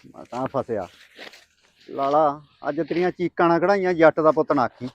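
Guy doing a cocky farmer in a village comedy, high voice, loud dramatic teasing, dry close sound. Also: normal speed, no echo, highs cut off, natural voice. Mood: gleeful taunting. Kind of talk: Punjabi rural comedy skit acting.

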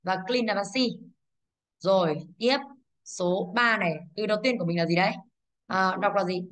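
A woman English teacher with a Vietnamese accent reviews exam answers in a medium-pitched, fairly bright voice at a moderate pace. She explains patiently, checks in with rhetorical questions, and corrects herself.

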